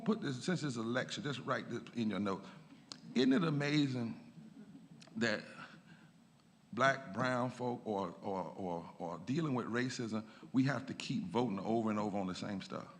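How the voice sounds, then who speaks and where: A man, a pastor, giving a lecture in a church, emphatic and rising in pitch on key points. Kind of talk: lecture with a preaching cadence. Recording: long church reverb.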